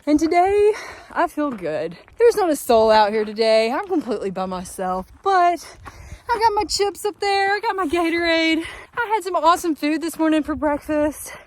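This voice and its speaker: A woman's voice: on the high side, a little mellow. A young woman hiker talking to her vlog camera outdoors on a trail, earnest and upbeat, giving a pep talk. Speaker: long-distance hiker vlogging her trip. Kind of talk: casual motivational vlog talk.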